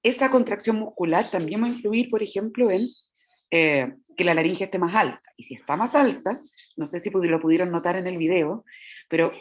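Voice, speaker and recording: A woman's voice: on the low side, a little fast. A woman teaching about the voice, explaining step by step and often checking in with her listeners. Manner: demonstrates vocal sounds. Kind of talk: lecture to teachers.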